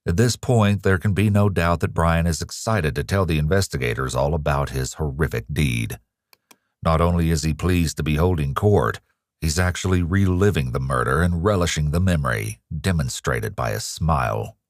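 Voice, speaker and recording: A male narrator reads scripted documentary voice-over in a measured, grave manner. His voice is extremely deep. It is recorded dry and close, with no room sound. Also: no room sound. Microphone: studio voice-over.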